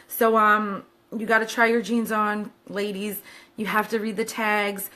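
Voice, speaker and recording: A woman's voice: mid-range voice, flat delivery, a little slow, pushed and bright. A woman fashion stylist answering viewer questions in a chatty, upbeat way, with many fillers and side remarks. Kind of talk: casual chat to camera.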